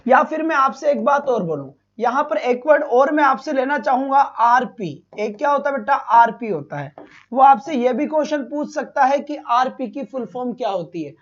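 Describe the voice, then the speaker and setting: A man's voice: very high voice, moderate pace, few pauses, dull audio. A man teaching a live online exam-prep lesson, asking his students questions, repeating each one and fondly calling them "beta".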